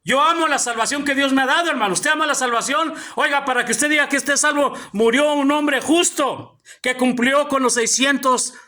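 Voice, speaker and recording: A man's voice: extremely high pitch, normal speed, few pauses, sharp tone. A male pastor preaching a sermon to his congregation in a church hall, constantly calling out to his brothers. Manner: preaching with frequent calls of "hermano" to the congregation.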